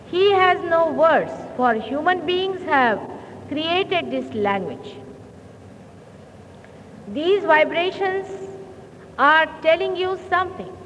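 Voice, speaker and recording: A woman with a high voice preaches in slow, deliberate phrases and pauses now and then to clear her throat. Her voice reaches the microphone in a large hall with a long ring of reverb. The old 1970s recording sounds muffled and carries a faint hiss. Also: expressive, fairly bright tone. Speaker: spiritual teacher. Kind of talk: sermon. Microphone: speaking into a hall microphone.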